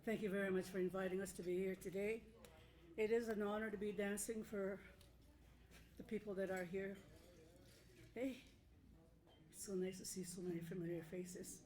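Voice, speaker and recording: A woman's voice: mid-range voice, steady tone, normal speed, pauses often, darkish tone. An older woman giving informal, conversational remarks into a podium microphone. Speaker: dance troupe leader. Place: indoor banquet hall at podium.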